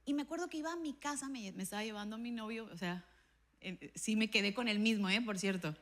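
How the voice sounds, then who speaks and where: A woman pastor preaching a sermon and telling a personal testimony, acting out the dialogue in her stories with an animated voice. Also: a little high, fast talker. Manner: animated storytelling, acts out dialogue with a raised voice.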